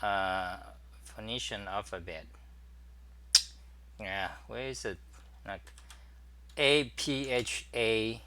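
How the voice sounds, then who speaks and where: Halting man with a bright voice. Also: lowish voice, slight background noise. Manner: halting, many fillers and restarts. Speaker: talk show host. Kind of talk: casual screen-share livestream.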